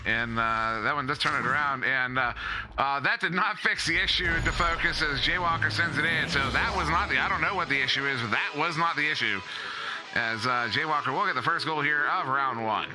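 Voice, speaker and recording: A man's voice: fairly high pitch, a little fast, music in the background. A man doing live play-by-play esports commentary, chatty and joking, with lots of fillers.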